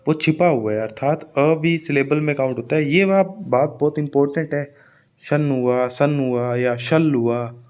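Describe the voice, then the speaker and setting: Hindi-speaking man teaching English word stress. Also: mid-range voice. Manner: repeats example words slowly, drawn out; frequent "theek hai" check-ins. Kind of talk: exam-prep lesson on word stress.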